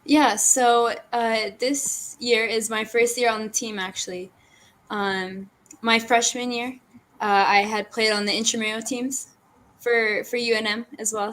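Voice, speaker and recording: A woman's voice: fairly high pitch, steady tone, measured pace, a bit bright. A young adult woman, a team captain, answering casually in an interview.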